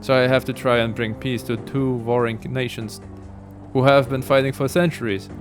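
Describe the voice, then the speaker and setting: A man's voice: medium pitch, fairly even intonation, moderate pace, music in the background, close to an everyday voice. A man reading a naive game adventurer. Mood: earnest.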